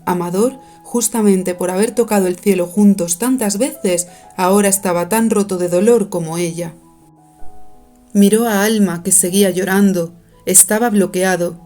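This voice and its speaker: A woman narrating an audiobook in a calm, even storytelling manner. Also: mid-range voice, moderate pace. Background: faint music.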